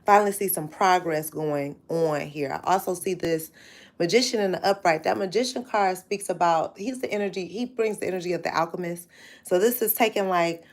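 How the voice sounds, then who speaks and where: Hosting a casual tarot livestream, a woman chats directly with her viewers in a brisk, lowish voice. Sinus trouble leaves her sounding stuffy and nasal.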